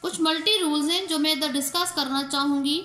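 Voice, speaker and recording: A woman teaching English pronunciation, saying example words one by one and repeating them slowly. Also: sits high, steady tone, fairly bright tone, faint music behind. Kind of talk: slow spoken lesson. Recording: echoey room.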